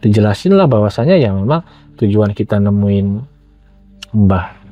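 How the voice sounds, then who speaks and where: A man's voice: lowish voice, moderate pace. Indonesian man storytelling over music, dull audio. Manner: animated retelling with acted-out quotes. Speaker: guest telling his own story. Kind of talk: casual personal storytelling.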